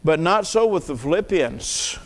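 Older male pastor, slightly high voice, earnest pulpit sermon, church hall reverb. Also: animated, unhurried. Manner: earnest, asks the congregation questions, repeats words. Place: church sanctuary, at a wooden pulpit. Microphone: pulpit mic.

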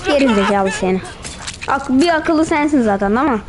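A woman's voice: high-pitched, expressive, moderate pace, background noise. A woman commenting on her own gameplay, teasing and trash-talking the other players as she goes. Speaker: gamer.

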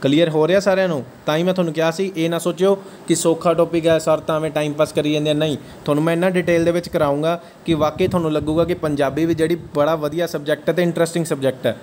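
A man delivers an exam-prep grammar lecture in a slightly high voice. He keeps checking whether his students are following. Faint noise hums under the recording. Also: flat delivery, racing, few pauses, a little mellow. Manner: checks understanding with repeated questions. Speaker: teacher.

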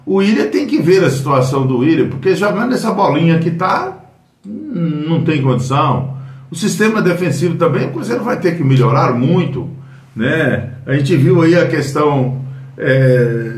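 A man's voice: a little high, recorded from a distance. A man in his fifties with a Brazilian accent, hosting casual football news commentary at home, rambling with fillers and self-corrections. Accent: Brazilian Portuguese. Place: small room at home. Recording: roomy echo, voice a bit off-mic.

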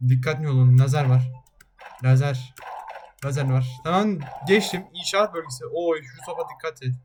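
A man giving excitable let's-play commentary while gaming, yelping at near misses. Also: on the high side, normal speed, background noise. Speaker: gaming channel host.

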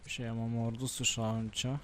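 A man's voice: medium pitch, little pitch movement, a little slow, fairly bright tone, slight background noise. A man with a strained, sore-throated voice giving casual, slangy let's play commentary, often muttering and swearing to himself. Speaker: gaming YouTuber, host of a retro game series. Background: game gunfire and ambience.

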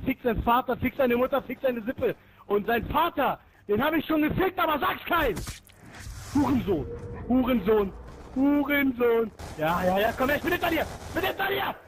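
A man raging and yelling during an online shooter match, swearing and taunting his opponents nonstop. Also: very high-pitched, background noise. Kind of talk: screaming gaming rant.

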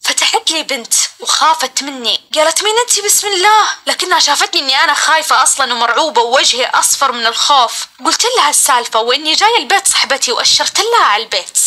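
A young woman tells a horror story in the first person, dramatic and breathless. Her voice is high and bright, and she talks very fast. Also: expressive.

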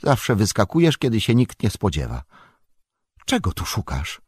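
A man's voice: lowish voice, wildly swooping pitch, moderate pace, slightly rough, dry recording, clean studio sound, voice pushed up, heavily acted. A man voicing a nervous, fussy middle-aged innkeeper in an audiobook, flustered and rambling. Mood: alarmed. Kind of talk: audiobook character voice.

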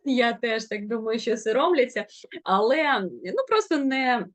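A woman with a Ukrainian accent teaching a diction class, animated and demonstrating tongue twisters at speed. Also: fairly high pitch, measured pace, no echo. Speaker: speech coach.

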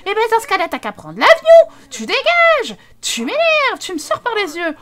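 A woman voicing a furious, overworked young mother in a life-sim game, shouting and scolding. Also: extremely high pitch, huge pitch swings, normal speed, very noisy, pitched above the performer's own voice, exaggerated voice.

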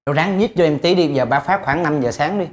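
A woman's voice: sits low, quick pace, natural voice. A woman playing a stammering wannabe rapper. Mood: pleading. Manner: stammering, fawning. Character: clumsy stammering wannabe rapper, eager to please. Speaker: comedy sketch performer. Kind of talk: stage comedy sketch.

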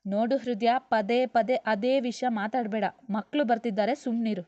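A woman's voice: on the high side, steady tone, normal speed, mellow, no room sound, dull audio, lightly acted. A woman voicing a remorseful husband who pleads earnestly and firmly.

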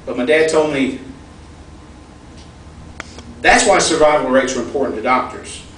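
A man's voice: mid-range voice, measured pace, fairly bright tone. A middle-aged man giving a personal, folksy storytelling speech at a fundraising event. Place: large event hall. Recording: echoey hall, distant mic, faint noise.

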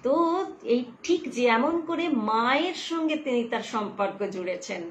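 A woman's voice: fairly high pitch, animated, unhurried, lo-fi sound. A middle-aged woman giving a devotional talk, telling stories earnestly and acting out heartfelt prayers. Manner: earnest, emotive storytelling with prayerful quoted pleas. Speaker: devotional speaker. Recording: roomy echo with faint background noise.

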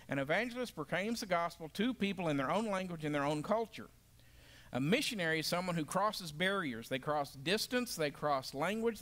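High-voiced man teaching a Bible class. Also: a bit bright. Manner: emphatic, asks the class questions.

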